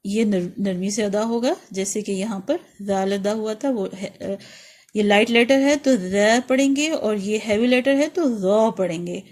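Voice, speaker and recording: Teaching beginners to read, a woman with a medium-pitched voice and a Pakistani accent, a native Urdu speaker, sounds out every letter in a loud, stretched way. After each one she gives a soft explanation.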